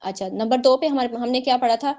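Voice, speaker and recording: A fast-talking woman with a fairly high, darkish voice teaches an online exam-prep lecture. She keeps repeating points as she explains them and regularly checks in with her students by saying "theek hai."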